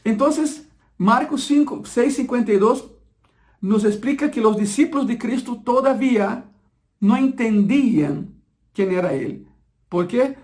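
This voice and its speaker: Preacher guy, pretty high voice, hammers points home by repeating them. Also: a little mellow. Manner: emphatic, repeats key phrases for teaching. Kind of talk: sermon.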